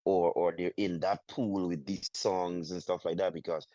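Deep-voiced Guyanese man, halting. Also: level tone, warm tone, dry recording. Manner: halting, many restarts, drawn-out phrases. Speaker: soca artist. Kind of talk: casual interview. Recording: dull, muffled sound.

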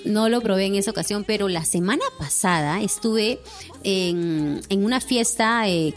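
A young woman from Lima with a Peruvian accent, a singer chatting as an interview guest, laughing often and ending phrases with tag questions. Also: lowish voice. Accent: Peruvian Spanish, Lima. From Peru, born in Lima. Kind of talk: casual interview chat.

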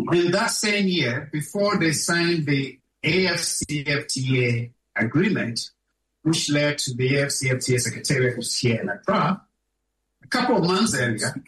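At a conference, a male speaker with a slightly high, somewhat bright voice delivers an emphatic public speech, often tossing rhetorical questions at the audience. The room is echoey and he stands far from the mic.

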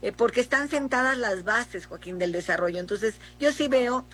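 A middle-aged Mexican woman senator answering in a political interview, speaking haltingly with many fillers and restarts. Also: fairly high pitch, lively intonation, a bit bright, husky. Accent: Mexican Spanish.

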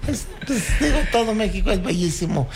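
Against a noisy background, a Oaxacan man in his sixties with a Mexican Spanish accent speaks as a guest on a casual radio chat, proudly spinning stories and reciting verses as a cultural promoter. His high-pitched voice is expressive, at normal speed, with vocal fry.

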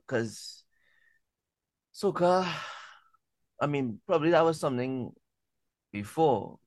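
A man being interviewed as a music artist, talking in a relaxed way and often repeating words as he thinks. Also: fairly high pitch, takes it slowly, dry recording. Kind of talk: casual interview talk.

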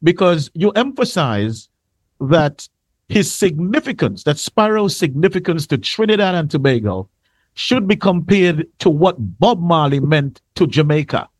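Laid-back male host, higher voice. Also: measured pace, dry recording. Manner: relaxed, calls guests "man". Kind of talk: casual talk show hosting.

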